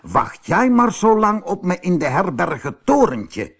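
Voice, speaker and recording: Storybook cloth merchant, jolly and businesslike, lifted pitch, husky; man reads. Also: very animated, measured pace, a bit bright, full character voice. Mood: friendly.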